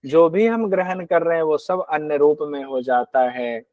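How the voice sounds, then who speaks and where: Speaking a little slowly in a fairly high, dark voice with fairly even intonation, a man gives a Hindi lecture on scripture, explaining verses and answering his own questions. In quoted asides he acts out rude, grudging hosts, and there is no room sound.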